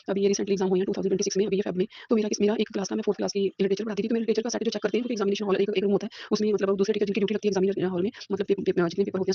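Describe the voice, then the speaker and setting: A woman's voice: medium pitch, gravelly, dark tone, slightly rough, dry recording, dull audio. A woman, a school teacher giving an earnest devotional testimony. She repeats herself often and mixes English words into her speech, recorded on a phone at home. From Punjab, India. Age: 50s. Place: a room at home.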